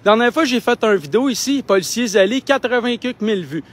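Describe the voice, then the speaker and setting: Standing outdoors by a building, a young Quebec man with a Québécois French accent livestreams a street vlog from his phone as an independent streamer. He talks quickly in a very high-pitched, animated voice, arguing indignantly and insistently.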